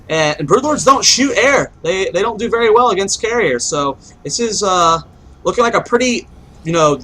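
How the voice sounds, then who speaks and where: A man's voice: high voice, pushed and bright, husky, low-quality recording. A young man giving solo play-by-play commentary on a strategy game match, rambling and thinking aloud with restarts. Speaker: game caster.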